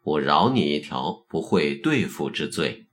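A man voicing a terse, probing elderly Zen master in a told story, low and measured. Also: sing-song, fairly bright tone, heavily acted. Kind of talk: storytelling narration.

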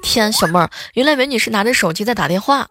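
A woman voicing an excitable male friend retelling a mishap on the phone. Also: fairly high pitch, quick pace, soft background music. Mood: excited.

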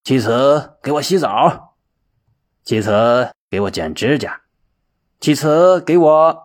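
A man's voice: mid-range voice, animated, unhurried, breathy edge. A man voicing a demanding, imperious old male wandering monk who scolds and barks orders. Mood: bossy.

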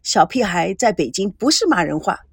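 A woman's voice: mid-range voice, big pitch swings, normal speed, husky, no room sound, studio quality. A woman voicing an exasperated young man in an audio story, curt and irritated.

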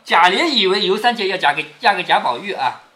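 Father reading a classic aloud to his kid; bright, very lively delivery, chatty asides, keeps checking in. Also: high voice, a little fast. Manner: chatty, often checks in with the listener. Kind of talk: read-aloud storytelling with explanations.

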